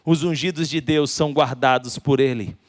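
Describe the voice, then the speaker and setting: A man with a Brazilian Portuguese accent, preaching a sermon as a pastor with emphatic delivery and deliberate pauses. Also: mid-range voice, steady tone, no room sound, studio quality.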